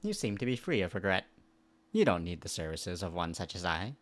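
A man voicing an ancient, sleepy mystic spirit of regrets, reading its game dialogue slowly and ceremoniously. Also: low voice, sing-song, pitched below the performer's own voice. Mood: solemn. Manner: slow, drawn-out, ceremonious reading.

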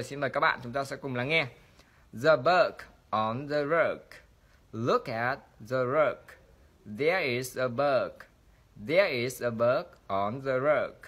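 A man teaching English pronunciation in an online lesson, explaining quickly and then reading sentences slowly with long vowels. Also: on the high side, bright, forceful tone.

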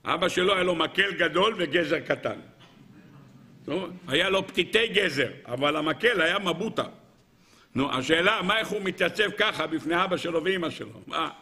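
A man teaching as a rabbi, telling a parable in a lively way and asking his audience rhetorical questions. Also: a little high. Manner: lively storyteller who acts out characters. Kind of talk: Torah lesson with a parable.

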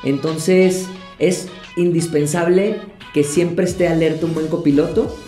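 Young man, relaxed vlogger, warm mellow voice, echoey room, light music. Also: on the high side, unhurried. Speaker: travel vlogger. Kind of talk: casual advice to camera. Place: living room, indoors.

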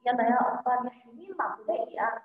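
A woman's voice: a little high, animated, quick pace. A woman teacher with a Levantine Arabic accent leading a kindergarten phonics lesson, drawing out letter sounds in a sing-song way and praising the children. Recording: far-off, echoey, phone-like sound.

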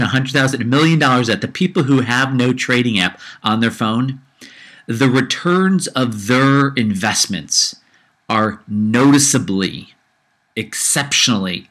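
Here a man rants solo and casually on his own podcast, often repeating himself while his heat builds. His mid-range voice has a fairly bright tone and carries a slight trace of a low-grade cold.

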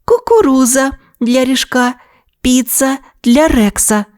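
A woman's voice: high-pitched, lively intonation, slow pace, darkish tone, pitched above the performer's own voice. A woman voicing a cheerful, bossy little girl in an audiobook tale. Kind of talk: audiobook character voice.

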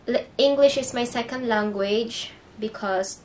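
A young Filipino-accented vlogger, a native Filipino speaker, talks through a haul from indoors in her bedroom, with slight background noise. Her voice is a little high and a little mellow, measured in pace, and she chats hesitantly, pausing to find English words.

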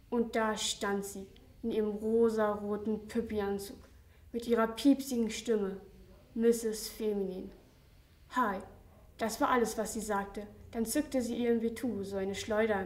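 A young teenage girl reading her own comic first-person story aloud at a school reading, with a steady, plain delivery. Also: mid-range voice. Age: young teen. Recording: roomy, distant mic.

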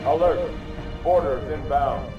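A man voicing a male station announcer whose clipped, loud alarm calls come over a distant loudspeaker in a video game. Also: on the high side, slow pace, highs cut off, over loud music. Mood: urgent alarm. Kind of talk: video game cutscene and combat audio.

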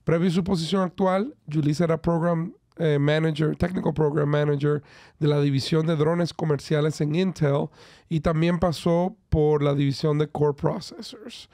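A man's voice: a little high, fairly even intonation, normal speed, dark tone, no echo, clean studio sound. Man hosting a podcast. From Dominican Republic. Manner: friendly, mixes in English phrases. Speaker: podcast host. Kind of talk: casual podcast interview.

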